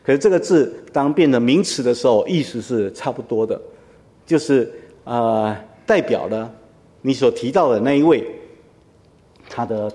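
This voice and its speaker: A man preaches in an easy, conversational way, pausing to check in with his listeners through quick rhetorical questions. His voice sits at an ordinary middle pitch. The sound carries a long reverb, as in a church hall. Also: animated, mellow. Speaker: pastor. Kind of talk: sermon.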